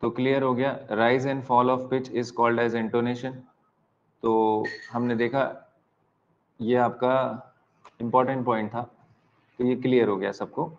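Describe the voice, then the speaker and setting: An Indian man teaches an exam-prep lecture at a very slow, dictating pace, spelling out words letter by letter and repeating each definition so students can write it down. His voice sits at an ordinary middle pitch. The sound is slightly dull and lo-fi. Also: little pitch movement. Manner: mixes Hindi and English.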